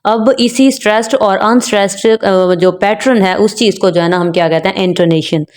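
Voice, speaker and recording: Woman teaching a lesson, smooth clear voice, says examples slowly, keeps using the same filler. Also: mid-range voice, a little mellow. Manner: slow, careful modelling of example sentences; repeats the filler "jo hai na" constantly. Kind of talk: explaining a lecture, mixing English terms.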